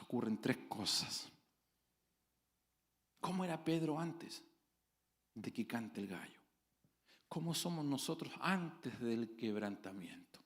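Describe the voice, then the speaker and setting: A man preaching a sermon as pastor, dramatic, with sudden loud exclamations and acted-out voices of his congregation. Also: medium pitch, lively intonation, takes it slowly, pauses often. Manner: acts out quoted voices of congregants.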